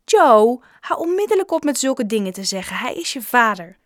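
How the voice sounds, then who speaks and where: A woman voicing a kind, gentle grown-up shopkeeper in an audiobook, coaxing and caring. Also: medium pitch, moderate pace, no echo, clean studio sound, lightly acted. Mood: concerned. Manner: gentle, coaxing, sometimes lively. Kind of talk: audiobook character reading.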